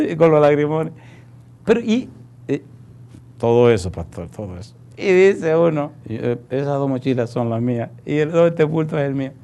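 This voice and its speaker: A male pastor preaching a sermon, telling anecdotes in a folksy way and building to loud, forceful exhortation. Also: on the high side, creaky. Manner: folksy storytelling, calls listeners "compadre".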